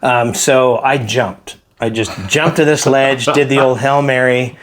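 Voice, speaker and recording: A man's voice: medium pitch, steady tone, measured pace, background noise. A man who is a helicopter pilot, telling a story casually in an interview and acting out the quotes with energy.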